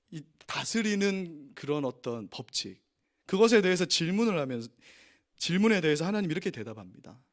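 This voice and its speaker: A man preaching a sermon as pastor, acting out the complaints of believers with lively emphasis. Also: fairly high pitch. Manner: animated preaching, acts out complaints to God.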